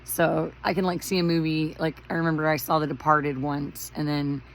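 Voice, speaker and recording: Raspy, hoarse woman with a low voice. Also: little pitch movement, normal speed, a little hiss or hum, low-quality recording. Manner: rambling, chatty, lots of fillers and tangents. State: hoarse from shouting. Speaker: vlogger. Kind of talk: casual storytelling monologue.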